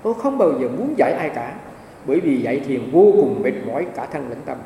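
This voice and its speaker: A man's voice: medium pitch, sing-song, a little fast, warm tone. A man, a Buddhist monk, giving a rambling dharma talk full of anecdotes and repeated small words. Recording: echoey hall, mic far off, faint hiss.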